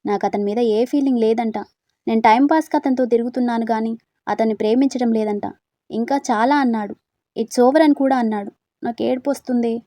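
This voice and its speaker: Woman doing a shy young girl, hesitant, tearful, storybook heroine, mellow voice, close and dry. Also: fairly high pitch, brisk, no echo, natural voice. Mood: hesitant, sad. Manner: hesitant and unsure. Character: timid young woman student, confused and tearful.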